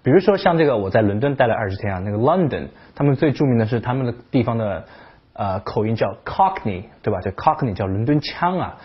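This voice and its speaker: A man hosting a casual video lesson on English, talking in an animated way and breaking off to imitate accents. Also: medium pitch, fast talker, breathy edge, highs cut off. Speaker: English teacher, channel host.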